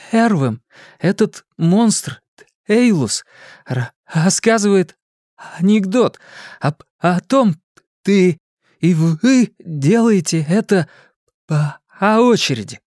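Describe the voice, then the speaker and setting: A man's voice: high-pitched, expressive, slow pace, long pauses, darkish tone, no room sound, studio quality, voice pushed up. A reader doing a stammering earnest boy. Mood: earnest, halting. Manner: heavy stutter on first sounds.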